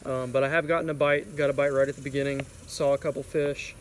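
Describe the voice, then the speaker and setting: Out by a creek beneath a highway overpass, a young man in his twenties talks fast in a mid-range voice while fishing and filming on a phone at arm's length. His casual vlog chatter wanders, full of fillers, and the rough recording picks up traffic and outdoor sounds.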